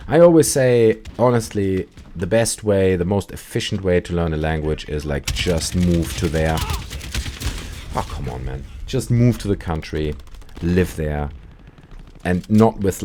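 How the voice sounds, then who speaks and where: Low-voiced German man chatting casually. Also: mellow, a little hiss or hum. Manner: rambling, breaks off mid-sentence to react to game events. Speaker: call-in show host. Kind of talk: casual chat while playing a video game.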